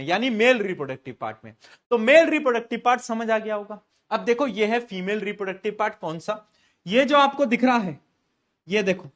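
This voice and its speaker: A man's voice: high-pitched, fairly bright tone. Playful man teaching a live science class. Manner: playful, joking, quizzing students and answering himself.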